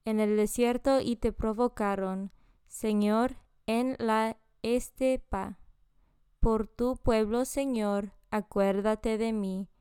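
Lady reading prayers real slow and solemn, kinda high clear voice. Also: a little mellow, dry recording, clean studio sound. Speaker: scripture reader.

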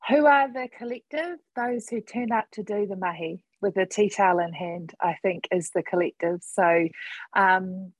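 A woman's voice: mid-range voice, dry recording, low-quality recording. A woman with a New Zealand accent, talking conversationally as a panel guest and mixing in Māori words. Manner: mixes Māori words and greetings into speech. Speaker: panel guest, coalition co-chair.

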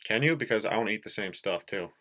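Male podcast co-host, Upper Midwest, slightly low voice, jokey and loose. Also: expressive, fast, bright, forceful tone. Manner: joking, laughs at own jokes. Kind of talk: casual sports chat.

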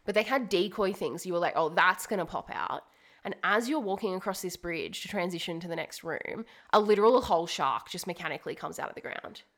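A young woman co-hosting a podcast, telling a long story in a rambling, animated way full of fillers. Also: fairly low pitch, quick pace, hardly any pauses. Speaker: podcast co-host. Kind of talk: casual chat, storytelling. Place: home dining room.

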